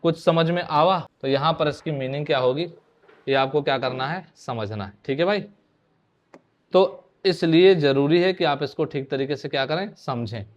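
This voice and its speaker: A man with a high-pitched voice teaches an exam-prep class online. He keeps asking his students questions and answers them himself, drilling each point. He mixes words into his speech. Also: moderate pace, dull audio. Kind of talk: online lecture.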